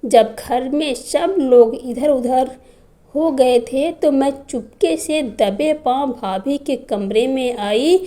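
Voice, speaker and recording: A woman tells a first-person family story at an unhurried pace. Her voice sits high, yet its tone stays mellow and soft, and the reading remains steady and scripted. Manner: slow, even reading of a family drama.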